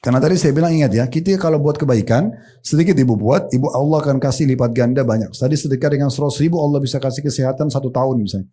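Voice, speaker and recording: Mellow-voiced man preaching a casual sermon. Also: medium pitch, rapid-fire. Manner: conversational, addresses listeners as Bu and Pak, acts out their replies. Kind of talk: sermon to a women's study group.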